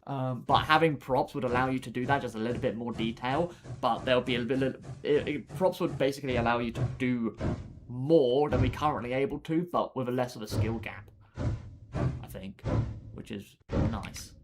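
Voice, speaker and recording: A man's voice: medium pitch, normal speed, noisy background. A young man chatting casually with viewers while he plays a building game on a live stream, with lots of fillers and laughs. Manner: laid-back, chatty, laughs often, trails off with fillers. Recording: faint keyboard clicks behind.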